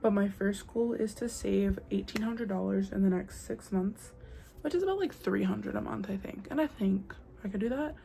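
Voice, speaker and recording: Talking casually into her camera, a young woman from the US fills her speech with "like" and "girl" and occasionally whispers. Her voice is creaky and mellow, medium in pitch, at a moderate pace. The built-in device mic picks up faint outdoor sound from her noisy location.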